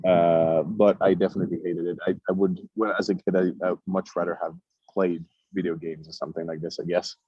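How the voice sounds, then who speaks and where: A man's voice: sits low, flat delivery, fairly quick, husky, dry recording, muffled recording. A man from Switzerland with a Swiss French accent, a cigar company founder in a casual podcast interview, thoughtful and repeating words as he searches for them.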